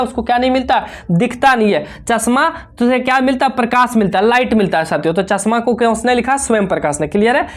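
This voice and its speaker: A woman with a somewhat high voice runs an exam revision lesson, reading out one question after another and answering it straight away. She keeps calling out to her students and leans on repetition and playful tricks to make the answers stick. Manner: rapid question-and-answer drilling, constantly addressing students. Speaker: exam coaching teacher.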